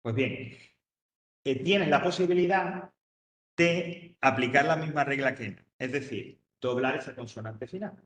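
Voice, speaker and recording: A man's voice: medium pitch, a little slow, echoey room. A man teaching English grammar to an adult class, patiently repeating each point step by step. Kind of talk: classroom explanation.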